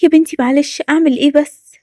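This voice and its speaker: A woman's voice: high-pitched, steady tone, fast talker, mellow, dry recording, studio quality, lightly acted. Woman doing a sheepish Egyptian father. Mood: apologetic. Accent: Egyptian Arabic. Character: middle-aged father caught stealing, sheepish.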